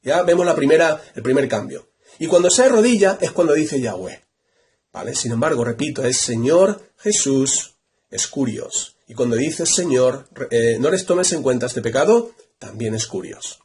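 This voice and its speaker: A man's voice: medium pitch, lively intonation, normal speed, a little mellow. A man giving a Bible study lecture, reading verses aloud and stressing each point emphatically by repeating it. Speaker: Bible teacher.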